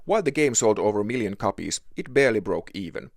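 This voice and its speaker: A man's voice: on the low side, expressive, fast, vocal fry, dry recording, clean studio sound. A man with a Finnish accent reading a scripted video essay narration as the host of a game review show.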